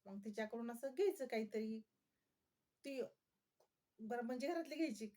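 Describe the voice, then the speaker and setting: A woman's voice: fairly high pitch, normal speed, warm tone. A woman vlogger chatting casually to her viewers, often laughing and asking them questions.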